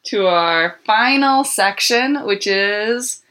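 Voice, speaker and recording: A woman's voice: medium pitch, expressive, slow pace, a bit bright. A woman with a Southern US accent co-hosting a podcast, chatting and laughing a lot. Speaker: podcast co-host. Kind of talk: casual chat.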